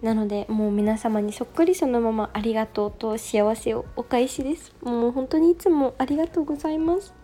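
A young woman hosting a casual solo radio talk, reading listener messages in a soft, gentle way with delighted thanks. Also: a little high, steady tone, a little fast, hardly any pauses. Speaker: radio show host.

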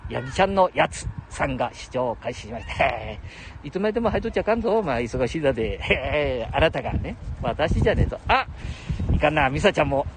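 A man's voice: medium pitch, sing-song, fast talker, noisy background. Chatty older man with a regional dialect. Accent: Nagoya-area Japanese dialect. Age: 70s. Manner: chatty, laughs often, talks to himself. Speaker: livestream host. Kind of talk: rambling solo livestream chat.

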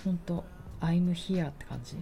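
A woman leading a guided grounding meditation, speaking slowly and soothingly with pauses as an exercise guide. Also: fairly low pitch, fairly even intonation, vocal fry, warm tone, faint music behind. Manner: slow, pausing, soothing delivery.

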